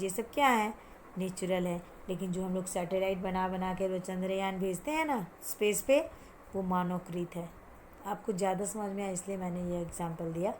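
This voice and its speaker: A woman teaching Hindi vocabulary to children, asking and answering her own questions, mixing in English words, and having the pupils repeat hard words after her as she pronounces them slowly. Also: on the low side, darkish tone, slight background noise. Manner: drawn-out careful pronunciation of hard words.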